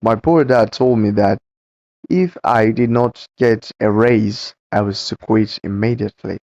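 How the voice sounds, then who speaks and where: A man reading a book aloud slowly and haltingly, with a cracking voice and frequent stumbles and self-corrections. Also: on the low side, darkish tone, dry recording. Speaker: book reader. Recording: dull, muffled home recording.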